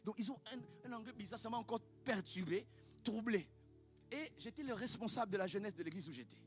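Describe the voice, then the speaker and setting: A man, a native Lingala speaker, preaching an impassioned sermon as pastor in a church, often rising to shouts. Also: high-pitched, lively intonation, brisk, faint music behind.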